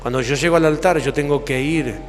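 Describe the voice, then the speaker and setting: A man's voice: a little high, brisk. A man preaching a sermon in Argentine Spanish, fervent, firing rhetorical questions at the congregation. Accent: Rioplatense Spanish. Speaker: apostle preaching. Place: church hall. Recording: long reverb, music behind.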